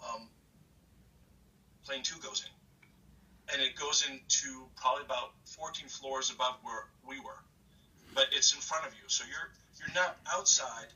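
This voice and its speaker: A man from the New recounting a disaster in an emotional first-person account, halting and repeating words as he goes. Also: mid-range voice, bright, forceful tone, far from the mic, poor audio. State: slightly hyperventilating. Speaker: interviewee recalling a disaster.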